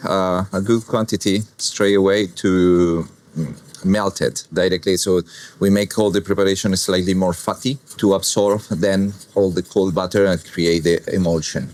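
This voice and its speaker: A chef from Argentina with an Argentine Spanish accent gives a cooking demonstration with commentary, walking through a dish step by step in unhurried, plain English. His voice sits a little low as he calmly and patiently explains each part of the recipe.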